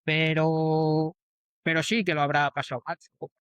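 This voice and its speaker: Spanish man in his forties, smooth and halting. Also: fairly high pitch, little pitch movement, a bit bright, no echo, lo-fi sound. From Spain. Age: 40s. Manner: hesitant, many restarts and fillers. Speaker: bullfighter guest. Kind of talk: casual interview answers.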